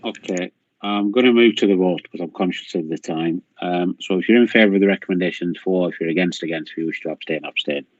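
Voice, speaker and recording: A man's voice: low voice, quick pace, no room sound. A man chairing a council committee over a video call, firm and businesslike as he calls names and runs the vote. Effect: heard over a video call. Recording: dull muffled video-call audio.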